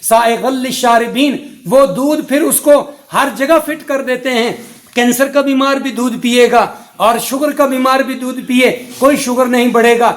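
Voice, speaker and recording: A man's voice: extremely high pitch, steady tone. A middle-aged man giving a religious sermon as a mufti, preaching in rhythmic, repetitive lists.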